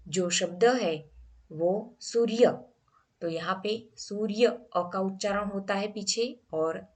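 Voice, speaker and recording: A woman's voice: fairly low pitch, fairly bright tone. A woman teaching a grammar lesson, explaining each rule step by step and asking the class questions.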